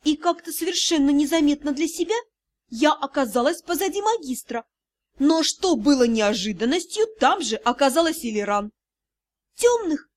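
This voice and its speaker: A woman reading a first-person fantasy audiobook in a lively, expressive narration. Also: high-pitched, normal speed.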